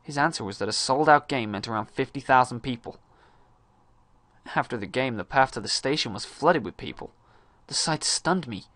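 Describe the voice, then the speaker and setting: A man performing a dramatic monologue as an earnest, disillusioned high-school student, with hammy stage-actor pauses and swells. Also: lively intonation, fairly bright tone, no echo, lightly acted. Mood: earnest, reflective.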